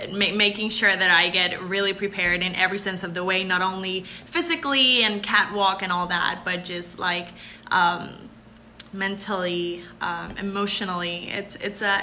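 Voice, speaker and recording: Her voice medium-pitched and sharp, a twenty-something pageant contestant from Puerto Rico, with the accent to match, chats with livestream viewers and answers their comments. She laughs frequently and code-switches between English and Spanish. She films indoors in a bright room with a phone camera held close, and there's a slight hiss or hum.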